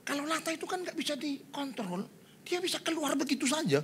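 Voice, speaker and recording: A man's voice: very high voice, animated, fairly quick, fairly bright tone, a little hiss or hum, pitched above the performer's own voice. A male pastor voicing a casual young male friend who makes easygoing excuses in a pleading tone. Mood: explaining.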